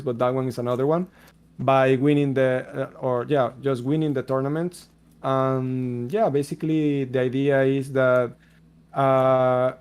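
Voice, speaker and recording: A man with a Spanish accent answering community questions on a voice call in a relaxed, explanatory way. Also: medium pitch, smooth. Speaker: game developer answering questions. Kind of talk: casual voice-chat Q&A.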